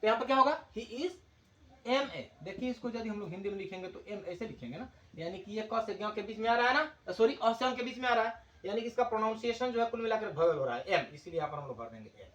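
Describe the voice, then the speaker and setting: A man's voice: high voice, lively intonation, fairly bright tone, highs cut off. Echoey Hindi-accented male grammar teacher. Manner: explains slowly, repeats key words, asks the class. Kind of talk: classroom grammar lesson.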